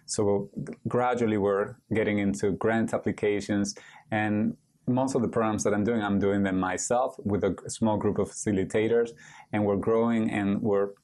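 A man's voice: lowish voice, fairly even intonation, moderate pace, a little mellow. A man from Argentina in his forties, a yoga teacher answering questions earnestly in a studio interview. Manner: earnest, with many restarts and short yeses. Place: TV studio set.

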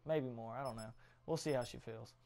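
A man's voice: medium pitch, a little fast, gravelly, darkish tone, a little hiss or hum. A young man hosting a gaming channel, chatting casually in a rambling, joking way with lots of ums and uhs.

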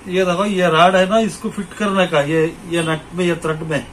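A middle-aged man from India with a high, fairly bright voice, fairly even intonation and a moderate pace demonstrates fishing gear to a camera in a small, cluttered shop. He casually repeats his points and points things out to the viewer, and the low-quality audio has a faint hiss or hum.

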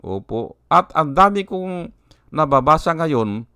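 Guy ranting about politics like a preacher, kinda high voice, super dry close sound. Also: sing-song, slow pace, pushed and bright, clean tone, no echo. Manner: rhetorical, keeps asking "hindi ba?", quotes scripture. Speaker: political commentator. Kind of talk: political commentary vlog with preaching.

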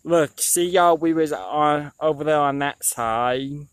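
On a nature trail, a young man in his twenties vlogs in a slow, fairly high voice that's clear and resonant. He talks to viewers casually, calling them "y'all." Recorded outside on a small lapel mic, the audio has no room sound.

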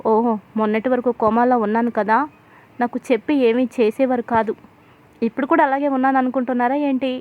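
Woman reading a harsh old family patriarch who scolds loudly, tinny sound. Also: fairly high pitch, level tone, fairly quick, close to an everyday voice. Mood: stern scolding. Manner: scolding, shouting. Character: stern older man, a father and head of the house.

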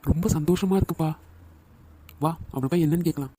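A woman voicing a doting middle-aged father in a cartoon, in a lowered, mellow put-on male voice. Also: fast talker, background noise, lightly acted. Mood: affectionate.

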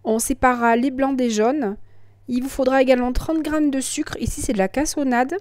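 A hoarse woman who has lost her voice, calmly narrating a recipe step by step as a cooking host. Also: sits high, moderate pace, dry recording, studio quality. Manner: calm step-by-step instructions.

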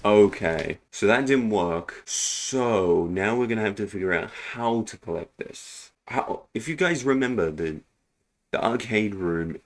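A man hosting a casual horror game playthrough, thinking out loud and exclaiming at scares. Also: lowish voice, animated, a little slow. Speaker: gaming video host.

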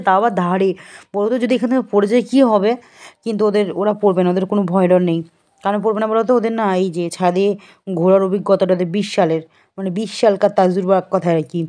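A woman talks to her viewers in a relaxed, chatty vlog. Her voice sits at a middling pitch, and she speaks straight to the camera. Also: fast talker. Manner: chatty, talking directly to viewers. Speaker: vlogger. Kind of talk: casual vlog narration to camera.

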